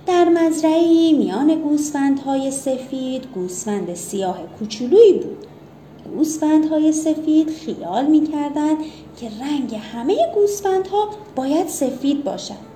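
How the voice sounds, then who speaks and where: A woman reading a children's story aloud, gently and expressively. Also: sits high, expressive, a little hiss or hum.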